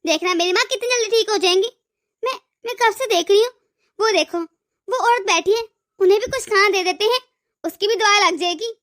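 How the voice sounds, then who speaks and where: A woman's voice: very high voice, brisk, fairly bright tone. A woman voicing a stammering, emotional young wife. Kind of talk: cartoon voice acting.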